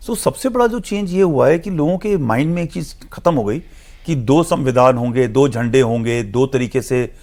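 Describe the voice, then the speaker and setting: Gravelly man explaining earnestly. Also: mid-range voice, normal speed, a little mellow. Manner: earnest, emphatic, mixes in English phrases. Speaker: studio guest analyst. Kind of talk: explanatory studio discussion.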